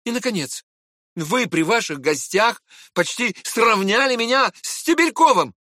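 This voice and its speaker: A man's voice: sits high, unhurried, no room sound, studio quality, pitched above the performer's own voice, full character voice. A man reading aloud and voicing a proud, hot-tempered young man who argues with indignant urgency. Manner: excited, indignant pleading.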